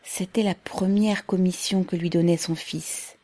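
A woman narrating a novel in a measured, unhurried reading. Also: fairly low pitch, fairly even intonation, dark tone. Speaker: audiobook narrator.

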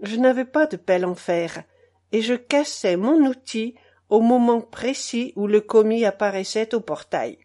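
A woman reading a novel aloud as an audiobook narrator, measured and expressive. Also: on the high side.

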